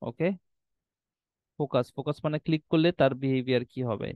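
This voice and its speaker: Clear-voiced man teaching web design. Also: medium pitch, fairly even intonation, brisk, no room sound, narrow, tinny audio. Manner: explanatory, checks in with "ঠিক আছে?", mixes English terms. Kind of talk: screen-recorded tutorial walkthrough.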